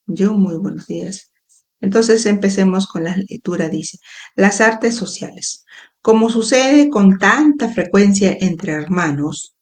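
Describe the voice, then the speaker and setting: A woman reads a book aloud at an unhurried pace for a live online book club. She stops often to explain passages and check in with listeners in a plain mid-range voice. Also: mid-range voice, a little mellow. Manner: reads slowly, adds frequent explanatory asides. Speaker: educator and book club host. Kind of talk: live book reading with comments. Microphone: phone or webcam livestream.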